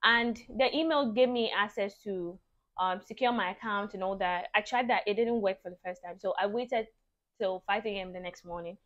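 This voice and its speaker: A young Ghanaian woman vlogger telling a story to camera in a casual, animated and exasperated way. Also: medium pitch, moderate pace. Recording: dull lo-fi audio.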